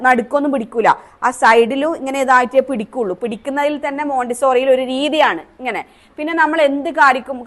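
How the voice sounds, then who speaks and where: Her voice high-pitched and fairly bright, a woman with a Kerala Malayali accent runs a Montessori teacher training session, putting questions to the trainees and demonstrating sounds.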